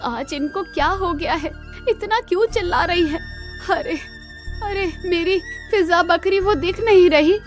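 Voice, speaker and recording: A woman's voice: extremely high pitch, a little slow, music in the background. A woman voicing a stubborn, loving old grandmother, scolding and grieving in a cartoon story. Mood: worried. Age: over 60.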